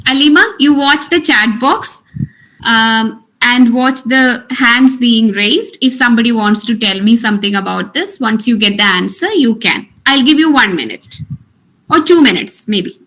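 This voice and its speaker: A woman's voice: a little high, unhurried, fairly bright tone, poor audio. A woman teaching an online workshop, instructive, restating her points for emphasis. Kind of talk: interactive lecture.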